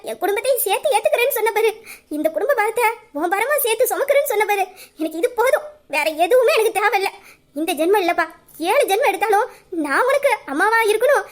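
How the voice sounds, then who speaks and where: A woman voicing a middle-aged mother who warmly accepts her future son-in-law, with a high voice and quick, emotional delivery. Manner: emotional, tearful-happy, affectionate. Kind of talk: audio drama acting.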